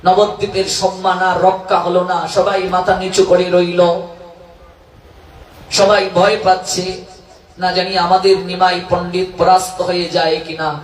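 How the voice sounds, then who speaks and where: A man with a very high voice tells a devotional story in a dramatic, sing-song sermon style. He sounds far from the microphone, and his voice rings in a large, echoey hall. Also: flat delivery, a little slow. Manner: dramatic, sing-song telling with sudden raised passages. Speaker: devotional scripture reciter and storyteller.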